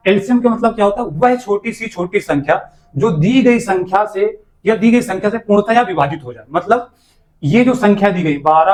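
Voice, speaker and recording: Male tutor, high-pitched, patient step-by-step exam-prep maths explainer. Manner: patient, talks students through each step with questions; calls students "beta". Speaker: maths teacher.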